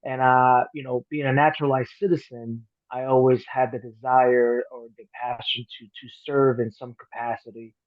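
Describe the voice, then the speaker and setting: A man in his thirties from Colombia, a podcast guest talking earnestly, often trailing off softly. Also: mid-range voice, flat delivery, normal speed, hardly any pauses, dry recording. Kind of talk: casual interview chat. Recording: dry, phone-like call audio.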